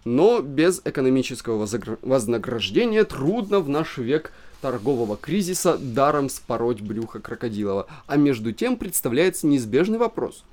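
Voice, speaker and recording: A pompous, self-important official, read by a man who talks in calm, measured phrases. He lays down his views with a slightly raised, lively pitch. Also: close to an everyday voice. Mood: pompous, composed.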